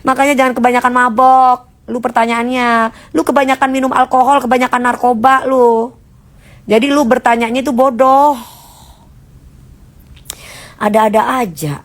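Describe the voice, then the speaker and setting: Lady ranting live at her viewers, blunt and mocking, kinda high voice. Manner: blunt and mocking, in Jakarta slang. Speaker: live streamer answering comments. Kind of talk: casual live-stream rant.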